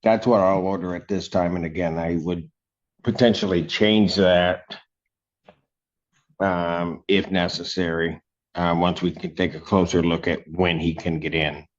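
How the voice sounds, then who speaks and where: A man serving as judge, reading out sentencing and court orders in a measured, formal way, heard in a courtroom recording. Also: deep voice, fairly even intonation. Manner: measured, formal, with occasional fillers. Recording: dull, lo-fi courtroom audio.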